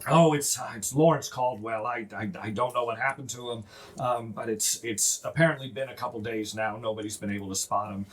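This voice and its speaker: Someone voicing a gruff, harried dwarf man. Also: mid-range voice, a little fast, voice pushed down, natural voice. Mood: weary. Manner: gruff, rambling, sighing complaints.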